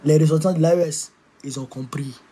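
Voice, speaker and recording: A man's voice: fairly high pitch, fairly even intonation, a little fast, warm tone, slight background noise. A man with an Ivorian French accent, ranting at political opponents in a combative, insulting and repetitive way. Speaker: political activist. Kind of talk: political rant to camera.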